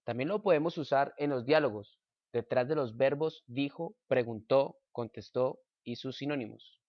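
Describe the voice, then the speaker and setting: A man slowly reading out a punctuation lesson at a middling pitch. The voice is dry and close, with no room sound. He pauses after each point. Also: a little mellow, no echo. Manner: slow, measured reading with example sentences. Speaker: teacher. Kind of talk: reading a grammar lesson aloud.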